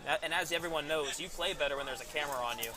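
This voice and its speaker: A man's voice: a little high, rapid-fire. A man casually commentating a live paintball webcast outdoors, chatty and rambling, laughing at himself. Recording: outdoor background noise.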